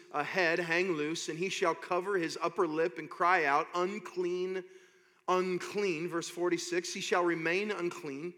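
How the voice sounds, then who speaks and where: A man preaching a sermon as pastor, reading scripture slowly and building to loud, impassioned preaching. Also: fairly high pitch. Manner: reads scripture slowly and deliberately. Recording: long hall reverb.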